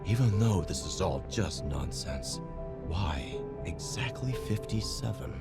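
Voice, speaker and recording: A man's voice: low-pitched, lively intonation, slow, creaky, over loud music, exaggerated voice. An actor playing a troubled young man in a game, speaking a reflective inner monologue. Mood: brooding. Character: troubled young man searching for his father.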